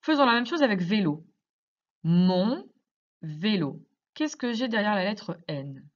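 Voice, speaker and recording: A woman teacher explaining grammar to young children in slow, careful speech, asking many questions. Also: lowish voice, highs cut off. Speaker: primary school teacher.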